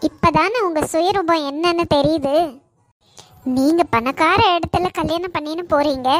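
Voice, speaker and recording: A woman voicing a hot-headed college girl in a cartoon, accusing and shouting. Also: extremely high pitch, moderate pace, dry recording. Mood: furious. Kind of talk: Tamil cartoon voice acting.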